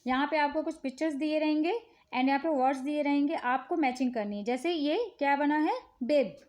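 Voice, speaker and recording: A woman with an Indian accent, calmly explaining children's worksheets one step at a time. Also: high-pitched. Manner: slow, patient, repeats "ठीक है" often. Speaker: teacher showing worksheets. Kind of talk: casual instructional talk.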